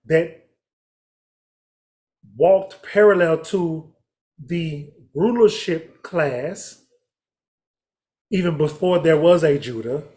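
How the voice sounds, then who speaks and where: A man's voice: fairly high pitch, very slow, long pauses, a little mellow. A man leading a casual Bible study discussion, reflective and interjecting with hallelujah.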